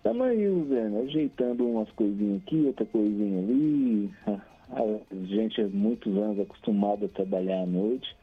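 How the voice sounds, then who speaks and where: A Brazilian man phones in to a radio show on a crackly line that keeps dropping out, chatting cheerfully and laughing often while rattling off long lists of names. His voice is on the low side, animated and slightly breathy, at a moderate pace. The casual on-air shout-outs come through a tinny phone line with faint music behind.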